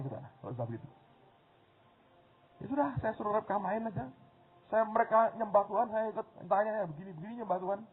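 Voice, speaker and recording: Animated preacher on a tinny line. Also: male voice, fairly high pitch, husky. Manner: animated storytelling, addressing the congregation as "saudara". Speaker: pastor. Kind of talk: sermon storytelling. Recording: tinny phone-like audio with faint noise.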